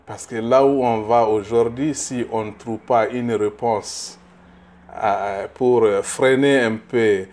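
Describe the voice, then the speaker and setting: In a mid-range voice with a steady, slightly mellow tone, a middle-aged candidate from Burkina Faso answers interview questions. His delivery is slow and halting, with small words repeated as he searches for the next, though he turns emphatic on his key points.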